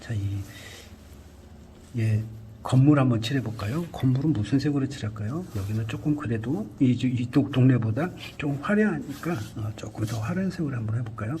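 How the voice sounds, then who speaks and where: A man giving a calm painting lesson, talking through each brushstroke and often dropping to a near whisper. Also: medium pitch, a little fast, slight background noise. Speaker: art instructor. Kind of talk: painting tutorial narration.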